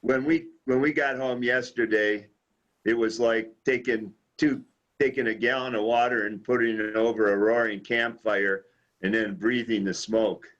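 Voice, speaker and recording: A man's voice: medium pitch, fairly even intonation, moderate pace, fairly bright tone. A man chatting casually in a group over muffled video-call audio. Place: online video meeting.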